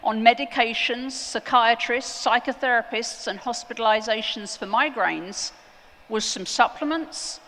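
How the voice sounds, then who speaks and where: Woman speaker at a conference, earnest, measured delivery, slow and deliberate. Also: on the high side, a bit bright. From outside the United States. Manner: earnest, emphatic with deliberate pauses. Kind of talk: prepared conference talk. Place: large conference hall. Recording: long hall reverb.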